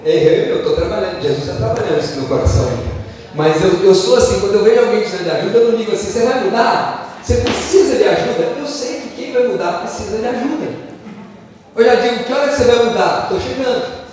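A Brazilian pastor with a high voice tells lively, joking stories from the pulpit. He sounds far from the mic in a big church hall with a long reverb trailing every phrase. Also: a little hiss or hum. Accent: Brazilian Portuguese. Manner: animated, joking personal anecdotes. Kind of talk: storytelling sermon.

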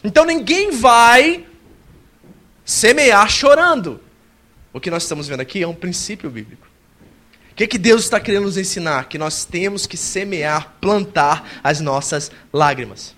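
High-voiced man preaching with big dynamics. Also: lively intonation, moderate pace. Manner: dynamic preaching, swinging from soft to loud; acts out a worshipper's complaints in a high whiny voice. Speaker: pastor. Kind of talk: sermon.

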